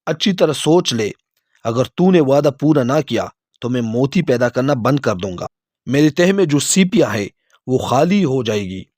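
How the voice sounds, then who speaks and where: A man's voice: medium pitch, animated, a little mellow, no echo, clean studio sound, lightly acted. A man voicing the sea as a stern speaker scolding a greedy king in a storybook tale. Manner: stern, admonishing.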